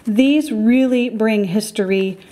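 A woman's voice: a little high, slow pace, dark tone. A middle-aged woman hosting a currency collecting show, giving careful scripted educational narration.

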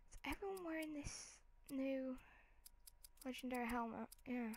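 A woman's voice: high voice, normal speed. A woman giving casual, chatty commentary while playing a video game. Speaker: gamer. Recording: loud game noise over voice. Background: video game gunfire and clicks.

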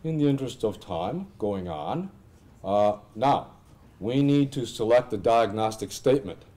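A middle-aged American man giving an informal lecture with a software demonstration, thinking aloud and asking rhetorical questions. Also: on the low side, animated, unhurried. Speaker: instructor presenting clinical simulations. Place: indoor classroom at a lectern.

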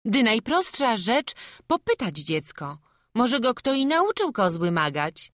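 A woman reading an audiobook voices a brisk peasant woman, a village wedding guest with rustic folk speech. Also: on the high side, very animated, a bit bright, no room sound, studio quality, pitched above the performer's own voice. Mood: coaxing.

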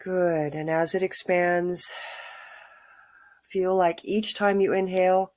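A middle-aged woman leading a calm guided grounding exercise, giving soothing, unhurried instructions with pauses. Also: fairly low pitch, no room sound. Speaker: meditation guide. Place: small room at home, indoors.

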